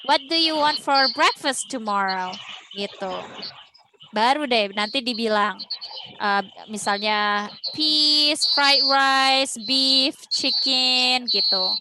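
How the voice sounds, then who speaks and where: A woman's voice: high-pitched, slow pace. A woman teaching a bilingual online English lesson, patiently explaining and repeating words for students. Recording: noisy online call audio.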